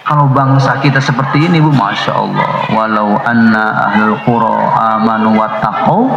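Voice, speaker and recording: A man's voice: medium pitch, creaky. A middle-aged man preaching a Ramadan dawn sermon, joking and acting out little dialogues. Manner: joking, storytelling, acts out dialogue. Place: mosque hall. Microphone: recorded off a loudspeaker upstairs. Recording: muffled echoey loudspeaker recording. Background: children's noise.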